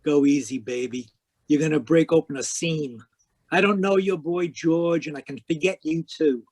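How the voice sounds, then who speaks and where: This hard-boiled, cynical private detective comes from a man whose voice runs somewhat high, trading deadpan wisecracks like a 1940s radio noir character. His tone is tough and taunting, at normal speed and close to how people talk every day.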